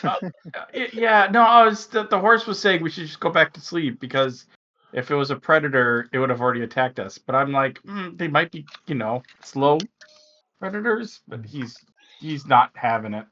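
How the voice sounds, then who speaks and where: A man's voice: mid-range voice, brisk. A man playing a tabletop game, hesitant with many fillers, over dull lo-fi online audio. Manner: hesitant, animated. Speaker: player.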